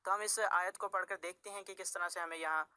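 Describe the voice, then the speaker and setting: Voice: mid-range voice, fairly even intonation, brisk, sharp tone, clear, resonant tone. A Quran recitation teacher, patiently explaining tajweed rules and restating each point several ways.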